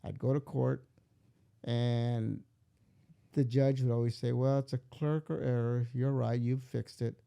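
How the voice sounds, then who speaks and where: Gravelly older man telling a story. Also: mid-range voice, steady tone, measured pace, mellow. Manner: rambling, acts out quoted dialogue. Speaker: father being interviewed. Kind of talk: casual storytelling.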